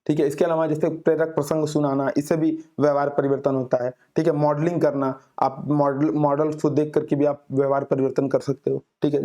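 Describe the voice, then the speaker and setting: A man teaching an exam-prep class, explaining answers with homely examples and reading questions out slowly. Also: mid-range voice, dark tone. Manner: reads English questions out very slowly, then explains with everyday examples. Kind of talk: Hindi lecture solving exam questions.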